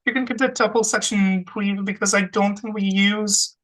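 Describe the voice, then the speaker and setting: A woman's voice: mid-range voice, steady tone, normal speed, fairly bright tone, low-quality recording. A woman organizing a workshop, chiming in with brief, agreeable remarks. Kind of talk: casual chat.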